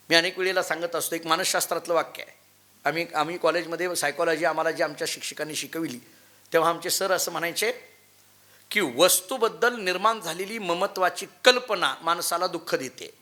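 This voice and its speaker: Animated high-voiced male preacher. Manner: animated storytelling with chanted scripture quotes. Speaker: kirtankar preacher. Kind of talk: devotional sermon. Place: temple hall.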